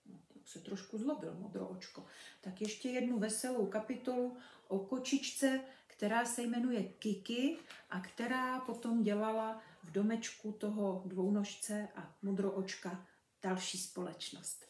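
A woman reading a children's storybook aloud with lively, expressive narration. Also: medium pitch. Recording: roomy, from a distance.

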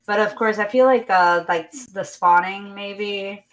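Female podcast co-host, mid pitch, relaxed and chatty. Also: measured pace, poor audio. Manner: relaxed, chatty, jokey asides. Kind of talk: casual chat about a theme park event.

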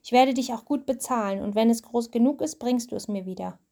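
A woman's voice: a little high, a little fast, vocal fry, mellow. Woman reading as a kind young princess. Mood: caring. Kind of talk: reading a storybook aloud.

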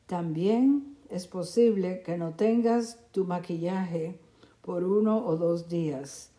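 A woman voicing a calm, cheerful middle-aged mother who speaks soothingly, in a storybook reading. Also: fairly low pitch, slow pace. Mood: reassuring. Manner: soothing, reassuring.

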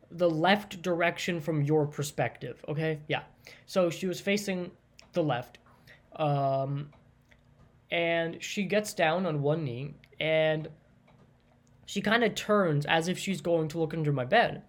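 A podcast host telling stories casually, rambling with lots of "like" and "um" and stopping often to rephrase and clarify. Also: mid-range voice. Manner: rambling, lots of likes and ums. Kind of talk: casual solo podcast storytelling.

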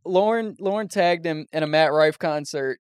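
A man's voice: fairly high pitch, normal speed, clean tone, no echo, clean studio sound. A man co-hosting a podcast in casual chat, telling crude stories and laughing at his own jokes. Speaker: podcast co-host.

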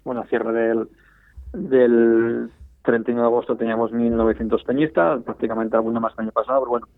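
Calling in to a radio show by landline, this Spanish supporters' club federation president speaks fast in a steady, mid-range voice. The phone line is tinny and dry, and he hesitates, often repeating and restarting words.

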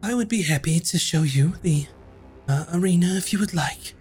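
A man voicing a frail elderly halfling woman, a kindly sensei, in a raised, gentle voice. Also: high-pitched, normal speed, breathy edge, faint music behind, pitched above the performer's own voice.

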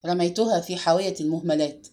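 A woman reading aloud and voicing a frightened young man accused of murder, in a low, strained and sullen way. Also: lively intonation, fairly quick, mellow, natural voice. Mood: tense, sullen.

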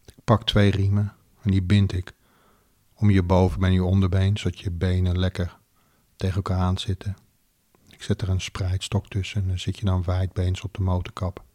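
A man narrating a second-person erotic audio story in a slow, deliberate, commanding way. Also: deep voice, completely flat delivery, dark tone.

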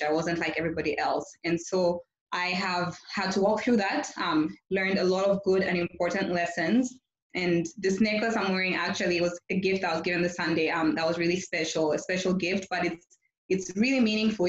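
A woman pastor, originally from Zambia, speaks in a lowish voice and takes her time in a calm, reflective interview. The sound is echoey and a little dull, like a lo-fi remote call. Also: a little hiss or hum. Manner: reflective, unhurried, personal storytelling. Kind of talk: conversational interview.

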